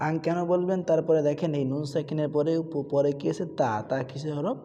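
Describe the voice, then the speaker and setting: A man's voice: fairly high pitch, fairly even intonation, brisk, warm tone, long reverb tail, muffled recording. A man teaching Quran reading rules, asking questions and answering them himself, with repeated drills of syllables. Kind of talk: tajweed lesson with recitation drills.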